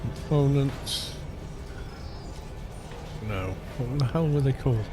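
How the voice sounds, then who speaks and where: This laid-back male gaming streamer has a baritone voice and takes his time speaking. Between casual remarks on his play, he mutters to himself, with game music running behind a studio microphone set to cut the lows.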